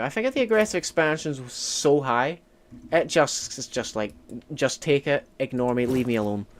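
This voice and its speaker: Scottish man, casual game streamer, rambling chatter, smooth resonant voice. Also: mid-range voice. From Scotland. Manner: rambling, heavy use of "like" fillers.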